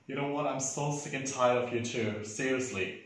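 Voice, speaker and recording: A man's voice: mid-range voice, a little hiss or hum, close to an everyday voice. A man acting a haughty, camp, angry fashion designer boss in a condescending, theatrical audition monologue. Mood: exasperated, weary. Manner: condescending, theatrical, drawn-out rhetorical questions. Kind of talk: acted audition monologue to camera. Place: indoors, plain dark backdrop, echoey room. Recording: very echoey room.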